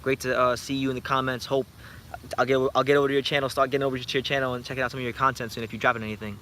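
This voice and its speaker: Fast-talking young man, bright voice. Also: mid-range voice, slight background noise. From United States. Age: 20s. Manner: animated, rambling, frequent repeated starts. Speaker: YouTube boxing channel host. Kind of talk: late-night livestream chat reading viewer comments.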